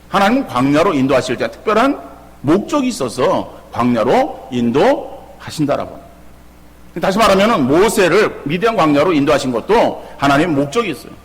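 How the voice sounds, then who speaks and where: A middle-aged man pastor preaching a sermon with lively rhetorical questions. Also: a little high, husky, long reverb tail. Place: church sanctuary.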